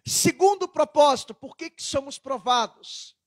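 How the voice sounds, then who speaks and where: A man's voice: extremely high pitch, expressive, measured pace, no echo. A man preaching a sermon as pastor, chatty and conversational, with sudden emphatic stresses.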